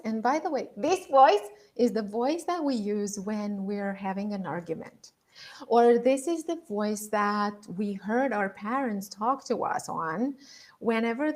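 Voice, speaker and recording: Slow-paced woman coach explaining an exercise. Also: medium pitch, a little mellow. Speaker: voice and public-speaking coach. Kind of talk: instructional lesson.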